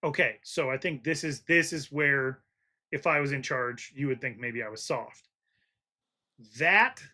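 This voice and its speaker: A man's voice: mid-range voice, sharp tone. A man hosting a college football podcast, arguing his point in an emphatic, casual debate. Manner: argumentative, emphatic. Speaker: podcast host.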